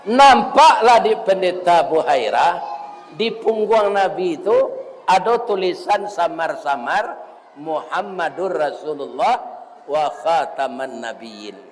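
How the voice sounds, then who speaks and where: In the long-echoing hall of a mosque, a middle-aged Minangkabau-accented preacher delivers a homespun village sermon, calling his audience "Pak" and chanting verses and rhymes. His voice sits on the high side and he speaks slowly but animatedly.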